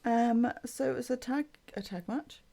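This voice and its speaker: A woman's voice: a little high, normal speed, creaky, mellow. Woman cohost, dry and kinda bored, blunt. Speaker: podcast co-host. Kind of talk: casual chat.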